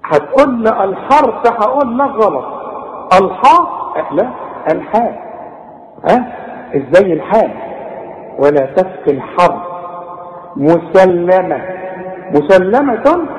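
An Egyptian man teaching Quran recitation rules, correcting mistakes and chanting verses slowly. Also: high voice, slight background noise. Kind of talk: tajweed lesson with recitation. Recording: echoey room with long reverb.

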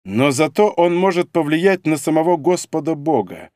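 A man's voice: a little high, very animated, moderate pace, darkish tone, no room sound, clean studio sound, voice pushed up. A man voicing a cold, domineering woman spy in an audiobook, icy and mocking in manner. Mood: commanding. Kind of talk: audiobook character reading.

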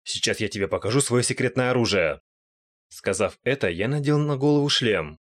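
A man's voice: medium pitch, expressive, a little fast. Guy reading a fantasy audiobook, dry and wry, first person. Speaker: audiobook narrator.

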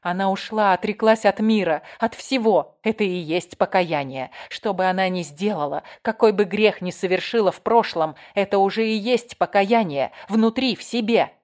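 A woman's voice: medium pitch, normal speed, few pauses, darkish tone, close to an everyday voice. A woman reading an audiobook voices a pious abbess earnestly begging for mercy. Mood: imploring. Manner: imploring, earnest. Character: pleading elderly abbess, pious, gentle. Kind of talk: audiobook character voice.

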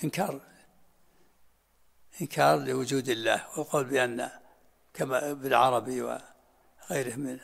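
A man's voice: medium pitch, fairly even intonation, moderate pace, vocal fry, pauses often. An older man teaching a religious lesson in short, repeated phrases and answering students' questions.

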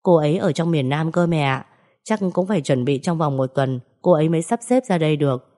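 A woman voicing a grown son who talks to his mother in a gentle, respectful way. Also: low-pitched, fairly quick, lightly acted.

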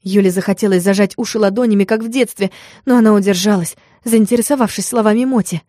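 An audiobook narrator, a woman, reads a scripted story in an even, measured way. Her voice sits at a medium pitch, and the recording is clean studio sound with no echo.

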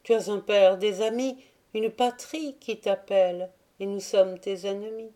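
A grieving young noblewoman lamenting her fate in a soft, mellow, mournful voice, read by a woman. An audiobook performance with a hushed, sorrowful tone. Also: mid-range voice, fairly even intonation, unhurried, lightly acted.

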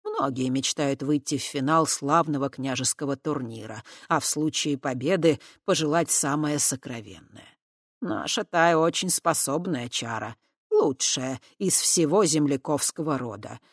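A reader voicing a calm, kindly fat horned man who speaks softly and deliberately. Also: mid-range voice, no room sound, studio quality. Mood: gentle. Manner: slow, soft, measured. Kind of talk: audiobook character voice.

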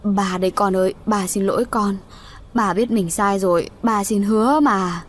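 A woman's voice: mid-range voice, normal speed, a little hiss or hum, close to an everyday voice. Woman narrator doing a guilt-stricken old landlord in an audio story, begging forgiveness. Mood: pleading. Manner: pleading, choked. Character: remorseful old rich landlord, broken father.

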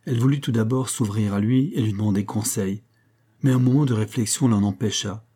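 A man narrating a classic novel chapter in a measured, even way. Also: on the low side. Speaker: audiobook narrator. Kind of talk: scripted literary narration.

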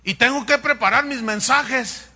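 A man's voice: very high-pitched, a little slow, sharp tone, breathy edge, voice pushed up, full character voice. A man voicing a sleepy, grumpy old male priest who scolds a boy for waking him.

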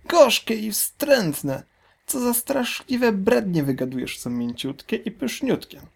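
Man putting on a huge gloating storybook crocodile, loud, greedy, slow and drawn out. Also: medium pitch, vocal fry. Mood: greedy boastful.

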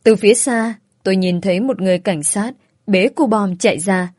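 Woman narrator, first-person audiobook story, earnest and emotional, medium pitch, dry close sound. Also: normal speed, darkish tone, dry recording.

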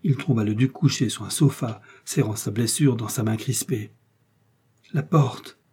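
A man narrating a classic novel as an audiobook, with a measured, dramatic reading. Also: fairly low pitch, mellow, husky.

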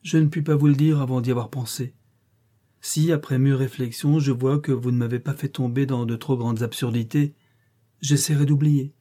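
A man's voice: medium pitch, steady tone, moderate pace, warm tone, lightly acted. A man reading the part of an earnest, guarded young governess in an audiobook, raising his voice a little for her.

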